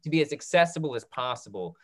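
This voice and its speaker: This thirties-aged host of an online theatre talk back has an expressive, fairly bright voice that sits a little high. Running a live question session on a video call via his computer mic, he reads comments aloud, stumbling, restarting and repeating himself as he goes.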